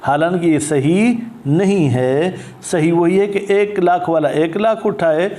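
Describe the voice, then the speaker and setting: A male teacher leads a lesson on a religious law text in an unhurried, deliberate way. He reads each Arabic phrase slowly before explaining it, and often poses a question and answers it himself. His voice sits a little high for a man. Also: mellow. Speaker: teacher of Islamic jurisprudence.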